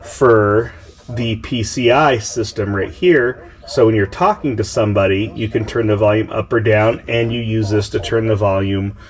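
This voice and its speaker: In a workshop beside a side-by-side, a man films a casual walkthrough of his vehicle radio setup on a handheld GoPro action camera. His lowish voice moves at a moderate pace with fairly even intonation, and he sounds keen but slightly hesitant.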